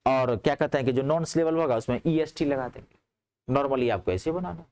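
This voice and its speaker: A man's voice: moderate pace, clear, resonant tone. A man teaching a grammar class in speech, asking his students checking questions and answering them himself. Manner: lively, rising on questions and dropping low on answers.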